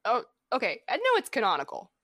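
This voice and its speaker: A woman's voice: fairly high pitch, very animated, quick pace, bright, forceful tone, husky, no echo, studio quality. A young adult woman co-hosting a podcast in a casual, playful chat, often laughing. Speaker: podcast co-host.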